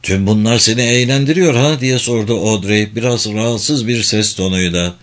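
A man's voice: on the low side, moderate pace, natural voice. A man voicing an irritable cursing woman. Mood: teasing. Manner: snappish, impatient. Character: irritable woman in her thirties, curses.

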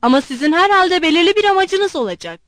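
A woman's voice: extremely high pitch, animated, fast talker, fairly bright tone, dry recording. A woman voicing a stern, impatient male general in an audiobook, speaking curtly and guardedly.

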